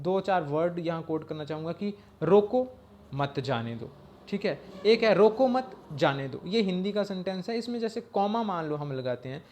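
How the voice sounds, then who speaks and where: His voice sits high with a darkish tone as he lectures from slides. He explains the exam-prep material step by step, dropping a short "okay" to check in and reading slide text out in English.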